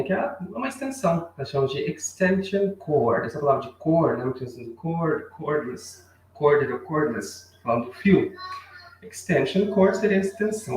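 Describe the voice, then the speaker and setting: A man gives a casual lesson on tool vocabulary, breaking things down step by step and drawing out each English word slowly. His voice sits well back from the mic in a very echoey room. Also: on the high side, darkish tone, far from the mic. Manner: explains step by step, slows down to model English words, frequent "né?" tag. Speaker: English teacher.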